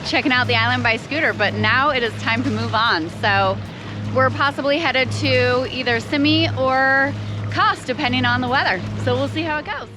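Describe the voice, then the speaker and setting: A North American woman with a somewhat high voice talks casually to the camera. She is vlogging aboard a sailboat, and music plays clearly along with her. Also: normal speed. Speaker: sailing vlogger. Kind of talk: casual vlog chat.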